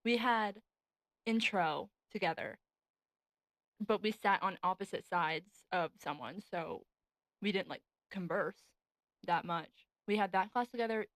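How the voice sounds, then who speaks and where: A nineteen-year-old woman co-hosting a casual chat podcast, talking loosely with lots of "like" and quick laughs. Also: mid-range voice, a bit bright, no room sound, poor audio. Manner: chatty, laughs often, lots of "like". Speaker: podcast co-host. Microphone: desk podcast mic.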